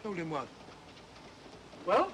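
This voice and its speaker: High-voiced, blustering old Doctor Watson. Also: male voice, slow pace, exaggerated voice. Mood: earnest, fussy. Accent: British. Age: older. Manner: hesitant, stammering, self-important. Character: bumbling, earnest, indignant old retired doctor, amateur sleuth. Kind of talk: 1940s mystery film acting. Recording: vintage film soundtrack, steady train rumble.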